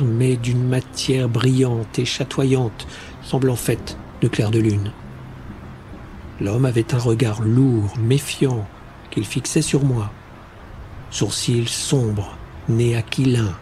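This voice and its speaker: A man narrating a first-person science fiction audiobook in a measured, steady reading. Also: mid-range voice, a little hiss or hum.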